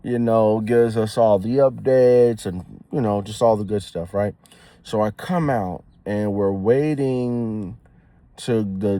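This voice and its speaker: A young man telling a story in a casual vlog, slangy and animated, swinging from giddy excitement to hushed, somber talk. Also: lowish voice, dry recording. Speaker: new dad telling a story.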